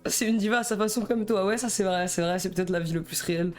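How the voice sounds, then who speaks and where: A man's voice: sits high, fast talker, soft background music. A young man with a Belgian French accent, chatting nervously and rambling on a live stream, stammering and laughing. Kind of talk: casual live stream chat.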